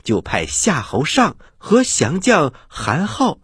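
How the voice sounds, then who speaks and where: A man hosting and telling stories for children in an expressive, dramatic style, addressing his young listeners directly. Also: a little high, takes it slowly, breathy edge, no room sound, studio quality. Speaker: children's storyteller and show host.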